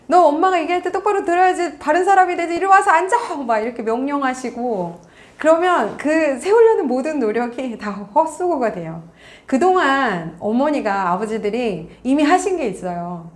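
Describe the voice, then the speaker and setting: 높은 목소리로 부모 대화법을 가르치는 여성 상담가. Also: female voice, fairly high pitch. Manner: warm instructive, acts out parent and child lines. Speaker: parenting counselor. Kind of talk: parenting lecture.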